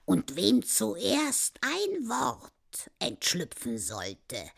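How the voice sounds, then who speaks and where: A woman voicing a stubborn, grumpy old husband in a recited ballad, dropping her voice low and gruff, some words nearly whispered. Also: wildly swooping pitch, drawn-out words, exaggerated voice. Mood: scheming.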